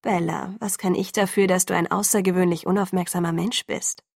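A woman reading an audiobook and voicing a calm, smug teenage boy in a soft, velvety, subdued tone. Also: lowish voice, fairly quick, creaky, no room sound, clean studio sound. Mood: cool.

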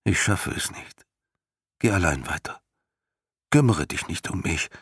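Sad storybook horse, slow and resigned, husky low voice, a man reading. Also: expressive, fairly bright tone, no room sound, clean studio sound, full character voice. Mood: hopeless. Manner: slow, heavy, resigned speech. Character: weary, hopeless male horse, sinking.

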